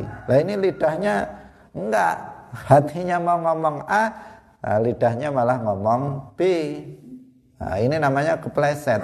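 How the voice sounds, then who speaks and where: A man's voice: fairly high pitch, vocal fry, a little mellow. A man giving an Islamic study lesson, explaining step by step with examples and rhetorical questions. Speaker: religious teacher.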